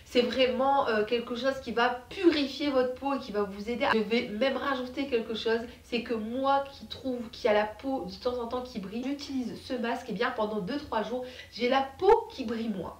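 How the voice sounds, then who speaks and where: Bubbly high-voiced French woman vlogger. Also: normal speed, few pauses, roomy sound, far from the mic. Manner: chatty and bubbly, with fillers and giggles. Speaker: beauty vlogger. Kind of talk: casual chat to camera.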